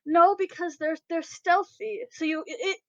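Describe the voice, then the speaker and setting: A woman's voice: extremely high pitch, fairly even intonation, moderate pace, vocal fry, dry recording, muffled recording. A woman running a tabletop game as game master, heard through a group voice chat, explaining rules with many restarts and fillers.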